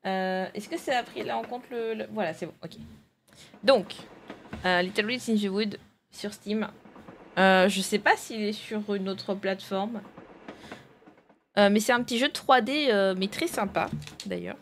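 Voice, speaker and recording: A woman streaming live, talking loosely and thinking aloud while she sorts out her games. Her pitch sits in a middle range, and she chats to viewers in an easy, rambling way. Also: a little slow, long pauses, slight background noise. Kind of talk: casual live-stream chat.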